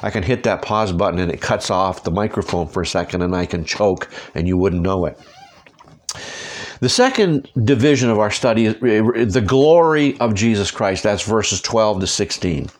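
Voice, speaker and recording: A man's voice: fairly low pitch, expressive, normal speed. Man teaching a casual Bible study podcast. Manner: conversational, direct, asks listeners to follow along. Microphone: podcasting microphone.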